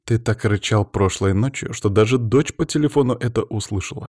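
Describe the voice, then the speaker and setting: A man reading an audiobook, voicing a caring, teasing woman who speaks softly and tenderly to her partner. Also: lowish voice, a little fast, no room sound, clean studio sound, natural voice. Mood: worried.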